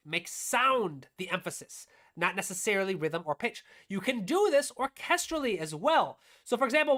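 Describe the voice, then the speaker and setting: A woman's voice: mid-range voice, fairly bright tone. A woman teaching music production on a live stream, explaining her steps aloud as she demonstrates and answering her own questions.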